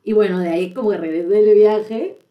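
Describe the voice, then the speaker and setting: A woman's voice: mid-range voice, fairly quick, recorded from a distance, highs cut off. A young woman, hosting a casual podcast chat and speaking in a chatty, confessional way with frequent laughs. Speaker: podcast host.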